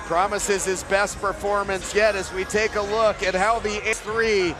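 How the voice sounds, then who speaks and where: High-voiced male boxing play-by-play commentator. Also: flat delivery, measured pace, over music, crowd noise. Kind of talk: live sports commentary.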